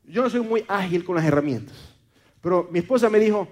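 High-voiced Venezuelan preacher man. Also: lively intonation, fairly quick. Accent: Venezuelan, Maracaibo. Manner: repeats words and stammers fillers, calls listeners brother. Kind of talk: sermon.

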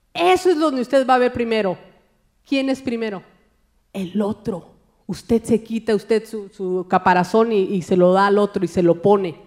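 A married woman gives a lively sermon, joking often and calling her listeners brother. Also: a little high. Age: adult, married. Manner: jokey and animated, often calls listeners brother. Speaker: lay preacher.

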